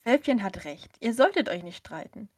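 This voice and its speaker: A woman's voice: mid-range voice, expressive, moderate pace, darkish tone, slightly rough. A woman reading the part of a firm, scolding mother. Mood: stern. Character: stern, protective mother, middle-aged.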